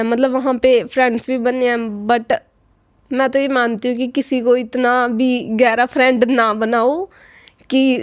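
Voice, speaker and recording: A young woman with a high voice tells her story in a podcast interview. She sounds choked up, close to tears, and halts often, filling gaps and restarting. The sound is dry and close, with no room in it. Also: no room sound. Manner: hesitant, many fillers and restarts. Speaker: fashion design student.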